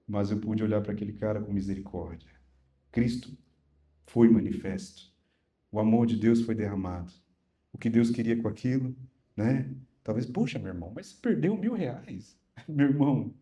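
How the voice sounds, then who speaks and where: A middle-aged Brazilian man preaching a sermon, telling a personal story with animated swings between loud and soft. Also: lowish voice. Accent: Brazilian Portuguese. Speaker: pastor.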